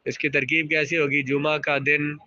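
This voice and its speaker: A man's voice: fairly high pitch, flat delivery, pushed and bright, lo-fi sound. A male teacher giving a classroom grammar lesson, parsing sentences aloud and patiently quizzing students and repeating their answers.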